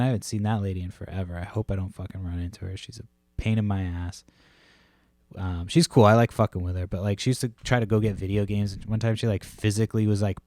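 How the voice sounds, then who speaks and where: A man with a low voice tells a long, rambling story for his podcast, swearing constantly and leaning on fillers. The sound is dry and close, with no room echo behind him. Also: a little mellow. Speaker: podcast host. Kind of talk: casual solo podcast rambling. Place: home.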